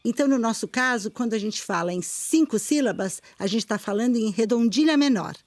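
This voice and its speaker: A middle-aged woman with a Brazilian Portuguese accent gives a video lesson on poetry, explaining in a calm, measured way and slowing down to recite short poems. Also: fairly high pitch, dry recording. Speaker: poetry teacher.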